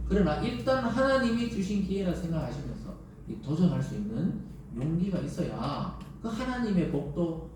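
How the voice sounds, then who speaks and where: A man's voice: fairly high pitch, a little mellow, slight background noise. A man preaching a Sunday sermon as pastor, telling the story vividly and acting out the voices of scripture. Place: church sanctuary. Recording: echoey church hall, distant mic.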